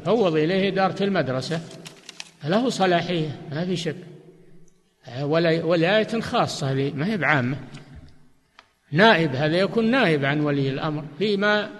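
A man's voice: fairly high pitch, a little hiss or hum. An older man answering religious questions as a scholar, in firm, curt replies that suddenly stress single words. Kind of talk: fatwa Q&A session. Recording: reverberant hall recording.

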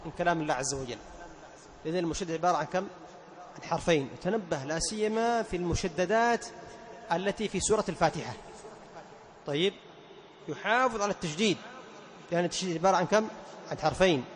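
A man teaching Quran recitation rules to a class. He quizzes his students and repeats the key points. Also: sits high. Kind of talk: classroom lesson with questions to students.

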